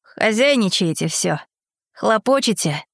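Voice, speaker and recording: A woman's voice: medium pitch, lively intonation, slow pace, no room sound, clean studio sound. A woman reading aloud, voicing a gloomy, broke young man who mumbles evasively. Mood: glum. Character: glum, broke young man, dreamy and wheedling.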